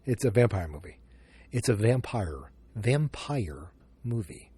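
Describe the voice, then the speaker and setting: This podcast host is a Massachusetts man with a Boston accent who talks alone, rambling through restarts, fillers, and self-interruptions. His voice is fairly low, husky, and dark-toned, with a sing-song lilt at a measured pace, and there's no echo.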